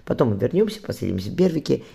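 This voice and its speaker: A man reading as a tender, gruff sea captain. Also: medium pitch, big pitch swings, very fast, full character voice. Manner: soft and tender, sometimes gruff. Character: loving, restless sea captain, grumbling.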